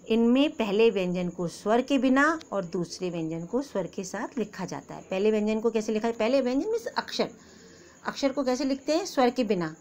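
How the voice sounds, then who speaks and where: A woman's voice: on the high side, expressive, a little mellow. A woman teacher giving a recorded grammar lesson to young pupils, patiently asking questions and answering them herself. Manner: slow, patient, repeats questions and answers, calls pupils "beta". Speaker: school teacher. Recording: noisy background hiss.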